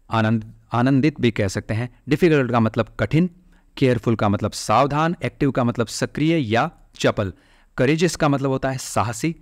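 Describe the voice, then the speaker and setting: A man's voice: mid-range voice, dry recording, studio quality. A man teaching an English grammar class online, explaining step by step and drawing words out syllable by syllable. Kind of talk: online class lecture in Hindi.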